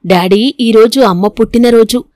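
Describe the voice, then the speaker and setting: A woman's voice: a little high, normal speed, dark tone, no echo, clean studio sound, lightly acted. A woman voicing a young girl who misses her late mother, speaking in a plaintive, pleading way. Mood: tearful.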